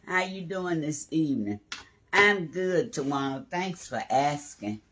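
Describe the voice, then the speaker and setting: A man's voice: on the high side, animated, a little slow, bright, forceful tone, a little hiss or hum. A man hosting a casual live cooking stream from his home kitchen, chatting and greeting viewers by name as he cooks. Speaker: home cooking livestream host.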